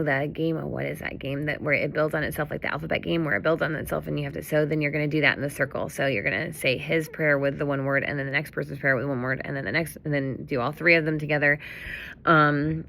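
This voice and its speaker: A woman's voice: low voice, gravelly, fairly bright tone, slight background noise. A woman leading a children's ministry, casually walking volunteers through the week's activities with many fillers and self-corrections.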